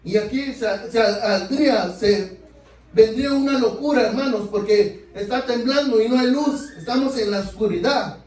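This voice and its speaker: Male preacher, very high voice, heard from a distance in a reverberant sanctuary, sermon delivery full of "brothers" and questions. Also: normal speed, a little mellow. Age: adult. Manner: keeps addressing listeners as brothers, asks rhetorical questions. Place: church sanctuary. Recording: echoey church, mic far off.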